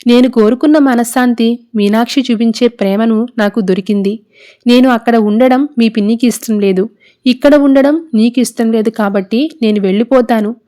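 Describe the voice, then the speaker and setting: A woman's voice: a little high, mellow, natural voice. A woman reading as a remorseful pleading father. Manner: earnest, sorrowful pleading. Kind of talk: serial recap narration.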